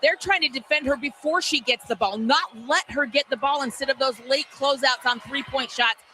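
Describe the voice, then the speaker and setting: A woman sideline reporter giving a quick report on a televised basketball game in a raised voice. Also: sits high, pushed and bright, a little hiss or hum.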